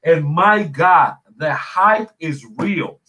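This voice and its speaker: A man hosting a casual gaming podcast livestream, chatty and excitable, saying dude and bro a lot. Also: fairly high pitch, slow pace, low-quality recording. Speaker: podcast host.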